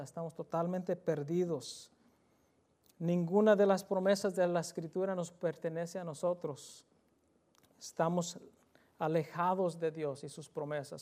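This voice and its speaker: High-voiced earnest male preacher. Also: darkish tone. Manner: earnest, emphatic preaching with repeated phrases; asks the listeners direct questions. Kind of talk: sermon.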